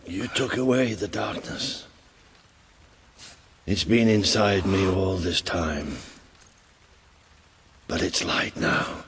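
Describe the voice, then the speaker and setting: A weak, dying old mentor in a game, speaks in a low, gravelly voice. He is fatherly and short of breath, with noisy rain around him. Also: fairly bright tone, exaggerated voice. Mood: weak, relieved.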